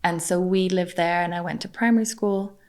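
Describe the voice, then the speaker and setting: A woman's voice: on the low side, fairly even intonation, a little fast, darkish tone. A young adult woman, raised in Costa Rica, talking casually as a podcast guest, chatty and self-deprecating, laughing often. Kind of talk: casual interview conversation.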